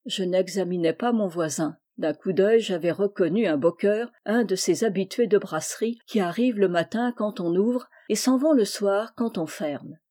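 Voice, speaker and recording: A woman reads a classic short story aloud with measured, expressive pacing. Her voice is mellow and dark-toned at an average pitch. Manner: measured, expressive literary reading. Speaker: narrator.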